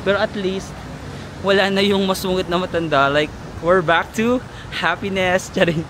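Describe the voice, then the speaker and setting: In a casual travel vlog shot on a handheld phone, a Filipino man tells a playful, gossipy story outdoors in a winter town, mixing in English. He has a high voice and a steady tone at normal speed, with faint street noise in the background.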